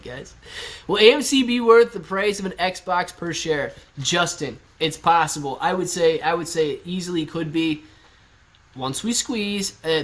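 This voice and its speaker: In his early thirties, this stock livestream host has a somewhat high voice and keeps things relaxed from his living room. He reads viewers' comments aloud, chatting easily and laughing a lot. A laptop perched at eye level on a kitchen stool serves as the mic.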